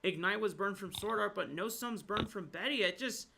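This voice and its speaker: A man giving live esports play-by-play and analysis as a caster, getting excited and jumping up in pitch when something surprising happens. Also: normal speed, gravelly, noisy background. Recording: brief connection dropouts.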